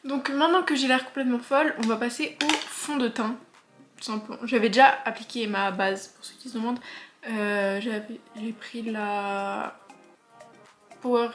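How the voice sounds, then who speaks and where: Young woman, casual beauty vlogger, slightly high voice, chatty with joking asides, echoey room with faint music. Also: a bit bright. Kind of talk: casual makeup tutorial.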